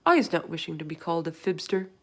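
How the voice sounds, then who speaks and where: A woman's voice: lowish voice, big pitch swings, fast talker, a bit bright, full character voice. A woman voicing a big, friendly, earnest male giant in a storybook, speaking emphatically in quaint, muddled grammar. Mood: offended. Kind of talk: storybook read-aloud character voice.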